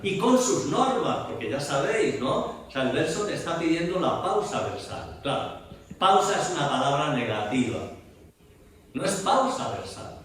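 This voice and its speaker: A man from Spain, a theater director giving a masterclass, explaining spoken verse and breaking into animated recitation. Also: fairly high pitch, normal speed, slight background noise. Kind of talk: lecture in a masterclass. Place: large echoey room. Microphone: distant room mic. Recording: echoey room from far off.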